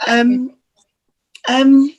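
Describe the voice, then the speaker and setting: A woman from the UK co-hosting a podcast in casual chat, teasing and animated. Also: sits high, drawn-out words, muffled recording. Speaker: podcast co-host.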